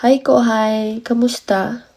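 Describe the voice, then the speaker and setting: A woman's voice: on the high side, little pitch movement, slow, dark tone, husky. A nineteen-year-old woman from the Philippines chatting on a livestream while tired and sick with a cold, greeting viewers and thanking them one by one. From Philippines, from Baguio. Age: 19, late teens. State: has a cold, tired and achy. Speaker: livestreamer, college student.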